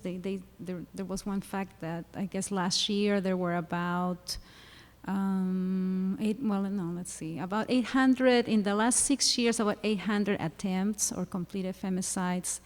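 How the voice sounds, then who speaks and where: A middle-aged woman from Peru with a Peruvian Spanish accent, speaking earnestly and haltingly with many fillers on a panel. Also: medium pitch, a little mellow. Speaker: psychologist panelist. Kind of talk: panel discussion talk. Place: university lecture hall. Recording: long hall reverb.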